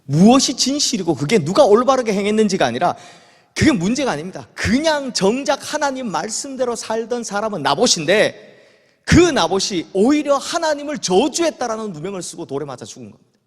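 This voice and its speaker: A male pastor delivers a sermon in a church sanctuary, his pitch riding high and swinging widely as he tells the story. He slips into the voices of the people he quotes. A long hall reverb trails behind every word. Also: big pitch swings, fairly quick. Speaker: senior pastor.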